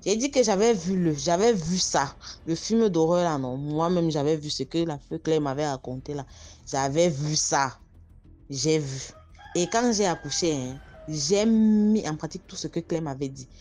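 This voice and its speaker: A woman recounts her own experience in a casual, lively way, turning to her listeners to make them picture it. Her voice sits low and sounds dark and mellow. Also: moderate pace, faint music behind. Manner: talks straight to listeners, vivid and animated. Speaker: storyteller. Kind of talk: casual first-person storytelling.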